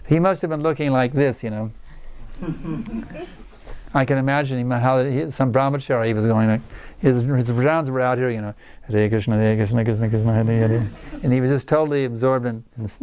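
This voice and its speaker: A man's voice: mid-range voice, a little mellow. An older man giving a devotional lecture to a small group, earnest and emphatic, repeating words for stress. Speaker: spiritual teacher giving a lecture.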